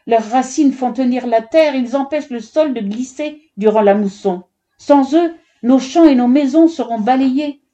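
A woman's voice: sits high, moderate pace, warm tone, dull audio, pitched above the performer's own voice, natural voice. A woman reading a storybook, voicing a desperate village mother who implores the men. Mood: pleading. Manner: pleading, imploring.

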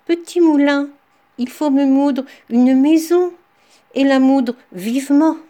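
Generous storybook woodcutter, loud cheerful calls, lively pitch; woman reader voices him. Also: measured pace. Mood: calling out. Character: poor, generous woodcutter man.

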